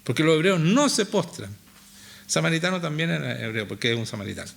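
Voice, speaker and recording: Man, Chilean accent, pastor, sermon, emphatic, rhetorical questions, animated pitch. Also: fast talker, gravelly. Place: church.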